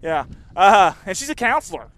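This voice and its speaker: A man doing chatty, rambling live softball commentary outdoors. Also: high-pitched, very animated, moderate pace, dry recording. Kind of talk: casual live sports commentary. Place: outdoor softball field on a windy day.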